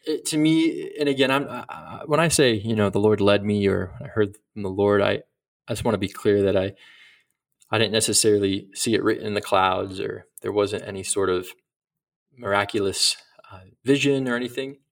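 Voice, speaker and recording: A man's voice: on the low side, normal speed, gravelly. A middle-aged man speaking as a missionary guest in an interview, earnest and reflective, often restarting his sentences. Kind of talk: casual interview talk.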